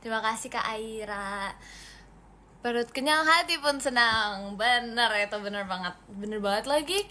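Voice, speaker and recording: A woman's voice: medium pitch, a bit bright, slight background noise. A seventeen-year-old girl from Indonesia hosting a casual livestream, chatting and thanking viewers one by one, slipping English phrases into her talk. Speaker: livestream host. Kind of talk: casual livestream chat reading comments.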